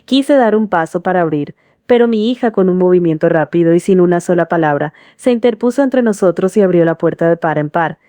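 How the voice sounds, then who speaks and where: A middle-aged woman narrating a first-person story in a steady, earnest way. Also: on the low side, fairly quick, dry recording, studio quality.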